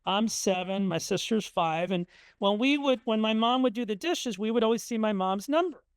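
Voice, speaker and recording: With lively intonation and a moderate pace, a middle-aged Indiana man, an author, tells family stories during a museum presentation with slides, dropping frequent ums and uhs. His high voice comes across clear and resonant, free of room sound.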